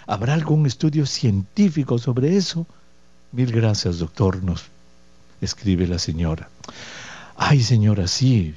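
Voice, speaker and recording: A man's voice: fairly low pitch, warm tone, no echo. A man hosting a radio health show as a doctor, explaining listeners' questions patiently with rhetorical questions and folksy diminutives. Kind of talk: radio health call-in advice. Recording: dull, dry lo-fi radio studio audio.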